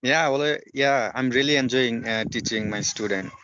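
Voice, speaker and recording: A man's voice: medium pitch, moderate pace, a bit bright, no echo. Hesitant man from Bangladesh, muffled call. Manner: hesitant, many fillers, learner English. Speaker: student and part-time teacher. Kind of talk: casual practice conversation. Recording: dull lo-fi call audio.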